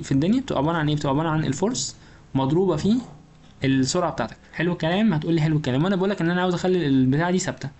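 A man with an Egyptian Arabic accent explains engineering material at a rapid clip, in a slightly high voice. He speaks straight to the student and keeps asking rhetorical questions to check that they follow. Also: darkish tone. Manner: informal, talks directly to the student. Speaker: engineering lecturer. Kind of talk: recorded lecture explanation.

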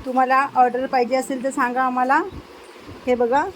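A middle-aged woman talks casually in her home kitchen, recorded on a phone camera. Her voice sits high, and a faint hiss runs underneath. She slips into sing-song baby talk for her pets. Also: little pitch movement, a little fast, low-quality recording. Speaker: home vlogger.

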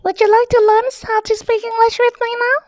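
A man putting on a very high, breathy falsetto as a playful teacher voice. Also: little pitch movement, extremely slow, a little mellow, dull audio, full character voice. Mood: teasing.

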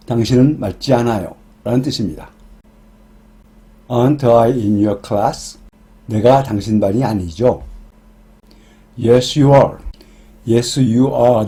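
Slow, dark-voiced Korean man teaching. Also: mid-range voice. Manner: reads English example sentences very slowly and deliberately. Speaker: English teacher. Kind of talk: scripted grammar lesson.

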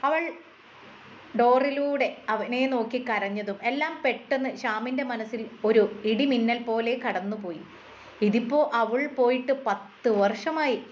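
A woman narrating a story in a steady, measured reading voice. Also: a little high. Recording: dull lo-fi with faint hiss.

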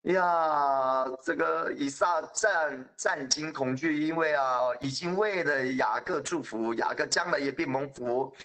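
A man in his fifties preaching a sermon, telling the story in a lively way with acted-out quotes. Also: a little high, measured pace, few pauses.

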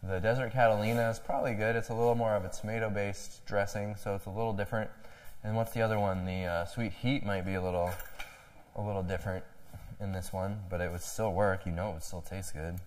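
Deep-voiced man hosting a cooking demo. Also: quick pace. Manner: relaxed, chatty, explains as he cooks. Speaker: host of a vegan cooking show. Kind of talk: casual cooking demo chat.

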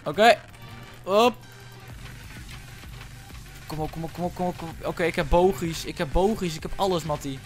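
A young man with a Dutch accent and a notably high-pitched voice, talking excitedly through a game. He barks short commands again and again in an urgent, hyped tone while faint music plays underneath. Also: normal speed, long pauses. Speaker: gaming channel host. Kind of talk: excited gameplay chatter.

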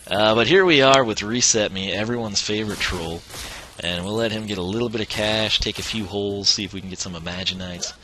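A man losing his voice streams a video game, giving casual let's-play commentary while chatting, rambling and chuckling often. His voice is fairly low and sharp, his pace fairly quick, and there is slight background noise.

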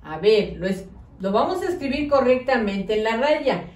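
A woman teacher, dictating to young children slowly and patiently, spelling words out syllable by syllable. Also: on the high side, lively intonation, far from the mic. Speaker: primary school teacher. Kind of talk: slow, patient classroom dictation. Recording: echoey room, voice off-mic.

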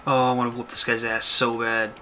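A man's voice: mid-range voice, monotone, a little fast, sharp tone. A man giving sweary, off-the-cuff gameplay commentary. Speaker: gamer, let's player. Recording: voice over noisy game audio.

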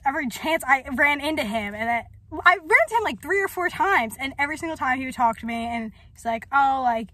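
A woman's voice: on the high side, fairly bright tone. A young adult woman vlogging in a rambling, chatty way, full of fillers. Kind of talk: casual chat.

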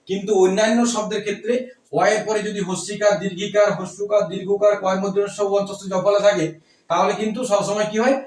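A man teaching pronunciation rules, asking rhetorical questions and repeating words slowly. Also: high voice, far from the mic. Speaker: Bengali grammar teacher. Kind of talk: explaining pronunciation rules to students. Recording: echoey room, voice from off-mic.

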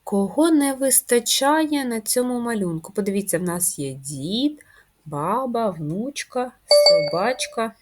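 A woman's voice: a little high, lively intonation, unhurried. A woman teaching a first-grade reading lesson, asking children coaxing questions and patiently spelling out sounds and syllables.

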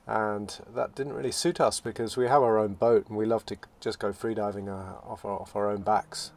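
Relaxed male vlog narrator. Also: lowish voice, moderate pace. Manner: relaxed, reflective, with restarts. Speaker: sailing vlogger. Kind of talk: voice-over narration. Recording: voice-over with loud music behind.

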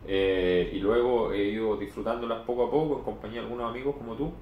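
With a lowish, steady voice, the man talks fast, and the highs of the recording are cut off. He's in his forties, reviewing beer in a casual, long-winded chat packed with fillers. The camera sits across a home room, giving an echoey sound with faint noise.

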